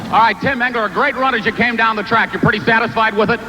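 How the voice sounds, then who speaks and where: A man's voice: extremely high pitch, steady tone, fast, heavy background noise. A man speaking as a tractor pull announcer, giving emphatic, polished commentary and putting questions to drivers.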